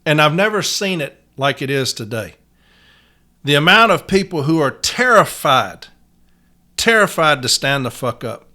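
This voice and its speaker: A man with a slightly high-pitched voice delivers an impassioned podcast rant. He talks in a gruff tough-love manner, blunt and plain-spoken, and swears freely. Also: very animated, unhurried, sharp tone. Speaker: podcast host, union letter carrier.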